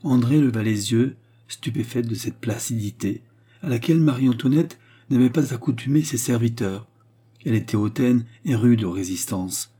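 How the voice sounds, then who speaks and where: A man narrating a classic novel as an audiobook in measured, even storytelling. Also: medium pitch, slightly rough.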